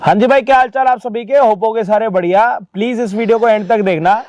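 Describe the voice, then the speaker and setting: A man's voice: high voice, fast, darkish tone, dry recording. A man hosting and explaining a staged family dispute in a blunt, lecturing way. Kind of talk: casual commentary.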